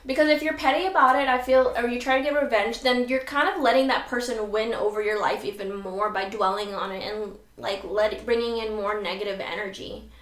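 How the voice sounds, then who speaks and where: A woman's voice: on the high side, a little fast, few pauses. A woman chatting casually and laughing while she eats on a food video. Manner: chatty, animated, laughs often. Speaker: mukbang co-host. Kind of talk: casual chat while eating. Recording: echoey room.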